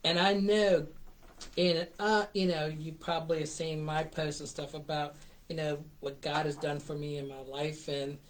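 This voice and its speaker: An earnest guest talks openly in a casual, emotional chat. The speech rambles and stays near tears. The voice sits at a middle pitch. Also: flat delivery, normal speed. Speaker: guest friend.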